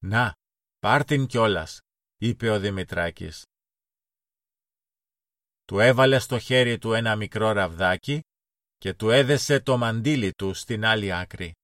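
A man with a low voice reads a children's story aloud in a calm, even manner. The sound is close and dry, with no room echo. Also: long pauses. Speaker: narrator. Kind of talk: scripted storybook narration.

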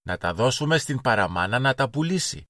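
A man's voice: medium pitch, big pitch swings, fairly bright tone, no echo, studio quality, voice pushed up. A man voicing a strict, bossy older girl in a children's storybook reading, scolding her younger siblings. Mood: earnest. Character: bossy older girl, stern big sister.

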